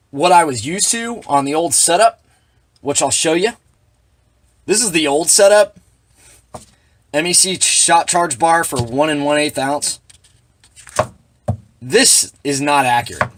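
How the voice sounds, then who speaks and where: A man's voice: fairly high pitch, fairly bright tone. Plain-spoken man demonstrating reloading gear. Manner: plain-spoken, dry sarcastic asides. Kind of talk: hands-on equipment demonstration.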